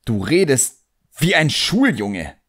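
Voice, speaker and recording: A man reading an audiobook, voicing an agitated young apprentice magician boy who shouts indignantly. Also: medium pitch, big pitch swings, slow pace, breathy edge, pitched above the performer's own voice, full character voice. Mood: angry.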